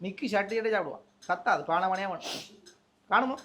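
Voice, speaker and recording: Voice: mid-range voice, lively intonation, a little fast, fairly bright tone, slight background noise. A presenter with a Sri Lankan Tamil accent, delivering a surprise gift and chatting in a playful, teasing way. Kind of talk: casual on-camera banter.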